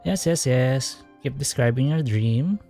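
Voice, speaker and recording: Over game music, a streamer plays a story game and chats casually, rambling through fan theories. The voice is mid-range, unhurried and mellow.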